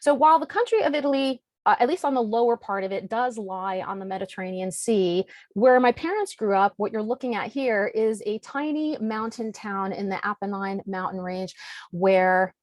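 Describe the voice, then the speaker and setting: A registered dietitian from the United States hosts a webinar over a video call, presenting in an organized, scripted manner. Her voice is medium-pitched and moves at a normal speed, with no room sound.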